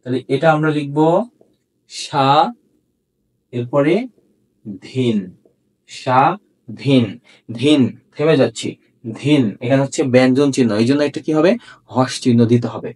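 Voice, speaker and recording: A man's voice: mid-range voice, fairly even intonation, quick pace, darkish tone. A man with a Bangladeshi accent teaching a grammar lesson, explaining step by step and asking students questions before answering them himself. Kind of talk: classroom lesson.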